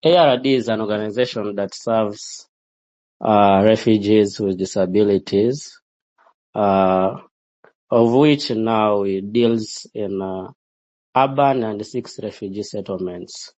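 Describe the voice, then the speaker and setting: A man speaking as a guest in a panel discussion, halting with many filler sounds. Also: fairly low pitch, a little mellow. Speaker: executive director, guest. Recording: dull lo-fi sound.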